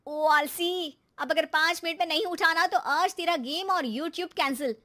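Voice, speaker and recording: Woman acting a high-pitched, exasperated scolding mother. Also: measured pace, bright, forceful tone, heavily acted. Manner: sarcastic, nagging, exclamatory. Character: exasperated scolding Indian mother and housewife, sharp-tongued. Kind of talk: animated story dialogue.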